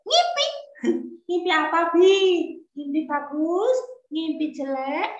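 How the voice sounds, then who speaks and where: A woman voicing an excitable young boy who squeals and fires off rapid questions, in a storybook telling. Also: extremely high pitch, voice pushed up, heavily acted. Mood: excited. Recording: roomy, slightly dull classroom recording.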